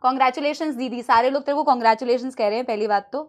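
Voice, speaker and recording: A woman's voice: sits high, normal speed. A woman teacher talking casually and fondly to her students in a live online class, speaking through a laptop. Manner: chatty, addresses students fondly.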